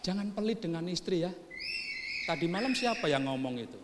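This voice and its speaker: A middle-aged man preaching a sermon, joking with the congregation and then rising into loud, urgent exhortation. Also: high voice, lively intonation, fairly quick, a little hiss or hum. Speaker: pastor. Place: church sanctuary. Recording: long church hall reverb.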